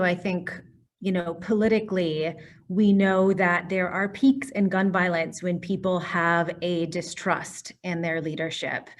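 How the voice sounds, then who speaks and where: A woman on a discussion panel, adding her point in a measured, deliberate way. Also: on the low side. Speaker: panel guest.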